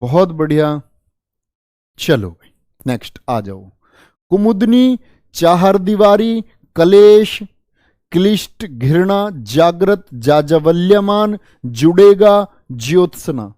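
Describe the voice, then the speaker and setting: A man's voice: high voice, big pitch swings, takes it slowly, long pauses, mellow, no echo, studio quality. A male Hindi teacher giving an online exam-prep lesson, drilling spellings with repeated questions and playfully scolding his students.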